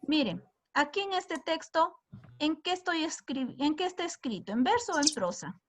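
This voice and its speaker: Higher-voiced woman teaching a class. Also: lively intonation, moderate pace. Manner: keeps asking the class questions. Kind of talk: classroom lesson.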